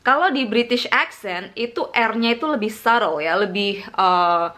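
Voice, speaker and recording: Woman, Indonesian accent, from Indonesia, casual pronunciation lesson, mixes Indonesian and English, bright forward tone. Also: fairly high pitch. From Surabaya, Indonesia. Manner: switches between Indonesian and English, slows down to demonstrate words. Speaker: vlogger teaching English pronunciation.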